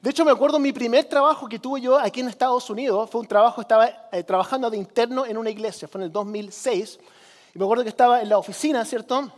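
A man from Chile with a Chilean accent preaches a sermon in a very high-pitched, fast voice. His manner is conversational, and he repeats phrases for emphasis, with long hall reverb on the recording.

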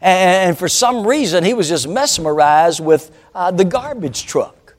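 A man's voice: high voice, expressive, a little slow. A male pastor preaching a sermon, telling stories and calling out to the congregation. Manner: storytelling, calls out to the congregation. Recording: long hall reverb.

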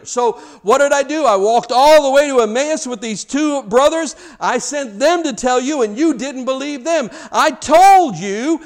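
A man's voice: very high voice, voice pushed up. A preacher voicing a stern scolding man. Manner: raised, insistent, scolding. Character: stern man rebuking his followers.

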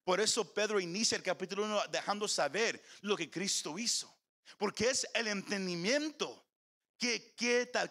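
A man's voice: high voice, sharp tone. A man preaching a sermon in a church, calling on the congregation and slipping into English phrases. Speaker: pastor. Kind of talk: bilingual sermon.

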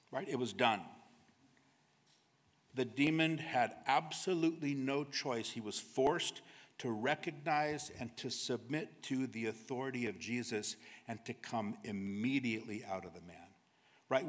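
A male pastor delivers an earnest teaching sermon at a mid-range pitch, with emphatic stresses and frequent "right?" asides to the congregation. His voice carries a long reverb tail from a church hall.

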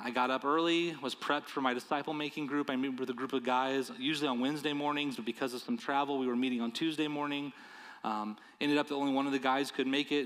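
A male pastor with an ordinary middle-pitched, slightly bright voice preaches earnestly and conversationally, often stumbling and repeating the opening words of phrases. The church sanctuary trails a long reverb after every word.

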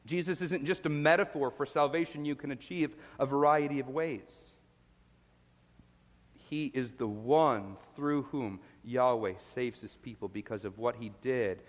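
A man's voice: medium pitch, unhurried. A male pastor giving a sermon, earnest and explanatory, putting questions to his listeners. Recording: long reverb of a large hall.

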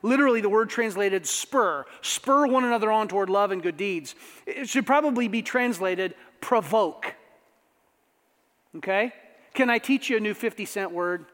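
A man preaching a sermon as pastor, conversational and animated, with asides to the congregation. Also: sits high, moderate pace. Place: church sanctuary. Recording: long reverb of a church hall.

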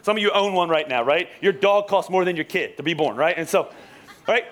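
A young man preaching in a church, his voice pitched high as he tells a rambling, sarcastic story. He stumbles through restarts and throws asides to the people in the pews. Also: brisk, fairly bright tone. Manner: joking, sarcastic, many restarts and asides to the congregation. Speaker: pastor. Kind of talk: casual storytelling sermon. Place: church sanctuary.

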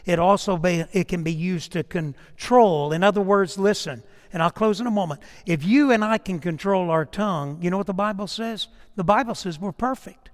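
Preacher, male, higher voice, folksy storytelling sermon, echoing church hall. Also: normal speed, hardly any pauses. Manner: conversational storytelling preaching, rising and dropping to a hush.

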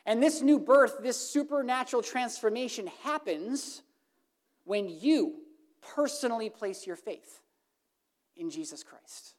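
A woman preaching an evangelistic sermon, earnest, swinging from emphatic lines to hushed, soft ones. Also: a little high.

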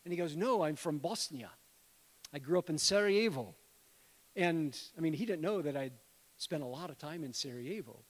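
High-voiced man preaching in a reverberant hall. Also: lively intonation, moderate pace. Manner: conversational, addresses congregation as friends. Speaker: guest preacher, missionary. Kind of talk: sermon. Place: church sanctuary.

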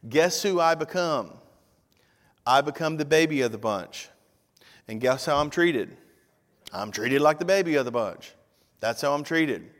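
A man's voice: fairly high pitch, expressive, measured pace, long pauses, fairly bright tone. A man in his fifties, a pastor preaching a conversational sermon with frequent direct asides to the congregation. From Tennessee. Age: 50s. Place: church sanctuary. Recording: long reverb of a church hall.

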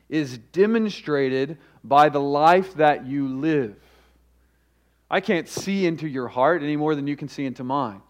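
A pastor preaching in a church sanctuary at a pulpit microphone. He speaks deliberately and slows down to stress repeated phrases. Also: fairly high pitch. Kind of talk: sermon with opening prayer. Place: church sanctuary during a service.

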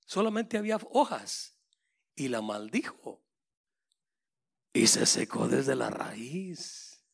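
A man preaching a sermon with passion, swinging between loud proclaiming and hushed, intimate asides. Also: medium pitch, sing-song, takes it slowly, vocal fry, breathy edge.

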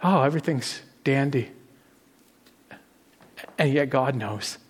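A man's voice: mid-range voice, slow, breathy edge, big-room sound. A man preaching a sermon as a pastor, earnest and conversational, building up to emphatic peaks on key phrases.

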